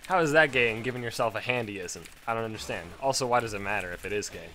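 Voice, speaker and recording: A man's voice: on the low side, fast, pushed and bright, slight background noise. A man doing casual, crude gameplay commentary, rambling between topics, his voice strained and failing.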